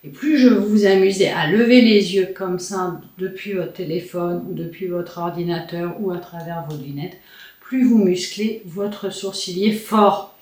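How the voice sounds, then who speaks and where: A woman's voice: on the low side, a little slow, darkish tone. A woman explaining exercises as a face yoga instructor, informal and chatty in her delivery. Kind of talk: explanatory tutorial talk. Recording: roomy echo, distant mic, music.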